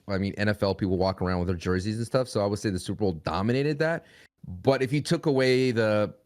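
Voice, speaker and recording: A young man talking as a podcast guest in a rambling, casual way. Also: fairly low pitch. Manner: rambling, frequent restarts and fillers.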